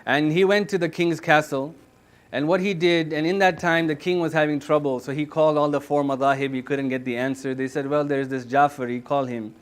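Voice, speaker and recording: A man's voice: a little high, steady tone, brisk. Sermonizing man, constantly checking in. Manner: tells stories with many "yeah?" checks to the listeners; earnest, exhorting. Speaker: imam giving the Friday sermon.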